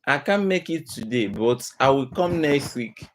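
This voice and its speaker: A man's voice: medium pitch, animated, a little slow, slight background noise, close to an everyday voice. A Nigerian man acting out a caring, apologetic villager on a condolence phone call, with a Pidgin-flavoured manner. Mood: apologetic sympathy.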